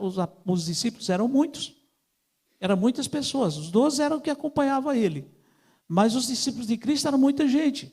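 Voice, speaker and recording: A man's voice: high-pitched, a little mellow. A man with a Brazilian Portuguese accent preaching an informal sermon, talking conversationally with many fillers and calling his listeners brothers.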